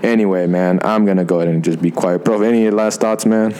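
Man, podcast co-host, hoarse, very deep, relaxed, chatty, faint hiss. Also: a little fast. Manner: relaxed and chatty, playful sign-offs. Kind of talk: casual podcast chat.

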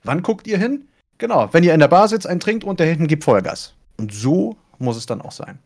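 A man who commentates esports, chatting casually and letting his voice deliberately rise and fall as he talks. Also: sing-song, darkish tone. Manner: deliberately rises and falls in pitch while telling. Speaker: esports caster. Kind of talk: casual podcast chat.

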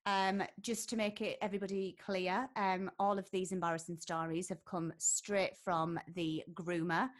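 A woman's voice: fairly low pitch, flat delivery, moderate pace. Breezy woman hosting a casual podcast. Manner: breezy, jokey. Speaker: podcast host.

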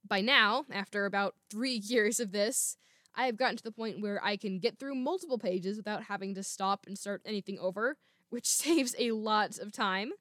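A young woman reads a script on her solo podcast, letting out small laughs now and then. Her naturally lower female voice is a bit bright and moves at a moderate pace. Recorded on a home microphone, the sound is studio quality with no echo.

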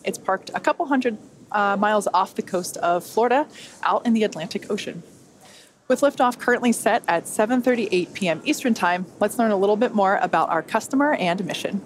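A woman hosts a live webcast with scripted, explanatory narration. Her pitch sits in the middle range, and there is faint noise behind her. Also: expressive, fairly quick. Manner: clear explanatory presenting. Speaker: webcast host and engineering manager.

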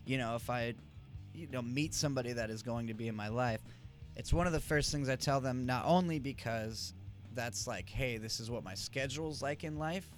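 A man's voice: mid-range voice, normal speed. Male co-host, loose, profane and meandering; faint music underneath. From Arizona, USA. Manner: profane, rambling, loses his train of thought. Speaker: podcast co-host. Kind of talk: casual chat.

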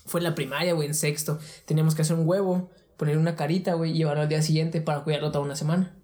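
A man's voice: on the high side, steady tone, very fast, mellow. A man with a Mexican accent casually telling a story from his childhood in slangy, rambling chat, dropping fillers into every phrase.

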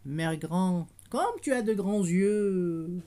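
Storybook little girl, innocent and polite, read by a woman with a low voice. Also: animated, extremely slow, warm tone.

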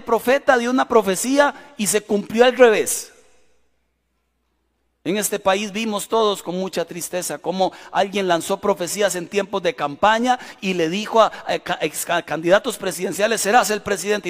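A middle-aged pastor preaches in a church auditorium, his voice pitched high for a man. He tells stories with animation, swinging from loud passages to hushed ones. His words ring out with a long hall reverb. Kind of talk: sermon.

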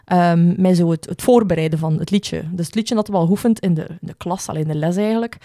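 Flemish woman, podcast co-host, low alto, lively storyteller with a bit of swearing, dry close sound. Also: fast talker, no echo. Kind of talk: casual podcast chat.

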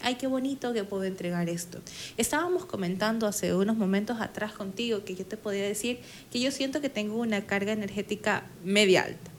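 A woman talking casually in a conversation, chatty and quick to act out small quoted moments. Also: medium pitch, a little hiss or hum.

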